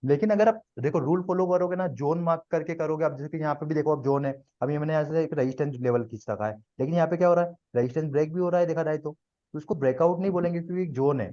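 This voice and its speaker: A man's voice: on the high side, fast talker, mellow, highs cut off. A man teaching a live trading class to students, explaining step by step and often checking that they follow.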